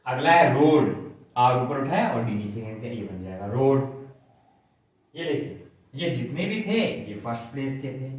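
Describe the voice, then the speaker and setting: A man patiently teaching a shorthand class, explaining step by step and checking whether his students follow. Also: medium pitch. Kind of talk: classroom lesson explaining on a board. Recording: very echoey room, mic at a distance.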